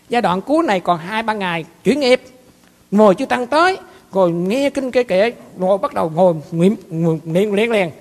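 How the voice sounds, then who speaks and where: A man with a Southern Vietnamese accent, a monk and abbot giving a dharma talk in a folksy, repetitive storytelling way. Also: sits high. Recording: long hall reverb.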